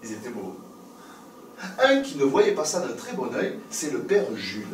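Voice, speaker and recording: Brief: male storyteller, mid-pitched, playful, live stage sound from far off with faint hum. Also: normal speed. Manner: lively, playful, swings between loud and hushed. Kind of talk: theatrical storytelling for adults. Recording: roomy live recording from a distance.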